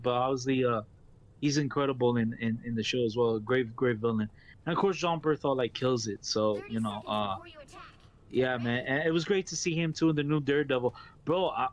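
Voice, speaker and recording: On a gaming stream, a Brooklyn man with a New York accent chats casually, excitable and laughing, repeating words and calling people "bro." His voice is medium-pitched.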